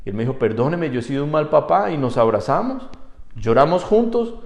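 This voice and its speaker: A man's voice: a little high, big pitch swings, brisk, vocal fry, darkish tone, echoey room. A man, a pastor, preaching a sermon in earnest, moving from personal testimony to fervent exhortation of his congregation. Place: church.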